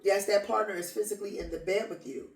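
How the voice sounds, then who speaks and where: A woman's voice: medium pitch, fast talker, vocal fry. Emphatic woman in an echoey room. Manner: emphatic, repeats phrases for stress. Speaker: podcast co-host. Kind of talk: casual advice chat. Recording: echoey room, mic at a distance.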